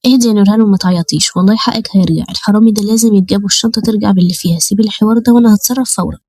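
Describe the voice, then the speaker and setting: A woman voicing a shy but quick-witted young woman with an Egyptian accent. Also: mid-range voice, a little mellow, slightly rough, dry recording, clean studio sound. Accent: Egyptian Arabic.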